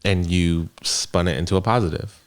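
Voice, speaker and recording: A man with a very deep, smooth, resonant voice chatting on a podcast. He states his opinions bluntly. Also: normal speed. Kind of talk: casual chat.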